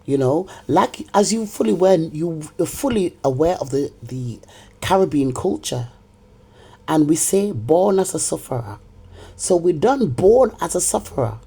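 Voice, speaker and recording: A woman's voice: deep voice, lively intonation, unhurried, warm tone, breathy edge. A middle-aged woman delivering a confrontational monologue straight to camera, repeating herself and scolding someone who is not there. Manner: confrontational, repetitive, rants at an absent person.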